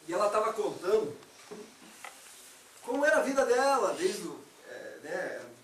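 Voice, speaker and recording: Brazilian man, spiritist lecturer, earnest and chatty, higher voice, recorded far off in a roomy hall. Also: slight background noise. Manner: earnest, conversational preaching with rhetorical quotes. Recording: echoey hall, speaker far from mic.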